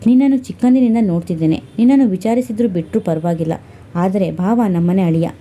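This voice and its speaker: A playful young sister full of teasing, voiced by a woman storyteller. Her voice sits higher than the narrator's, with the same husky, mellow grain. The delivery stays light and cheeky. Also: brisk, natural voice.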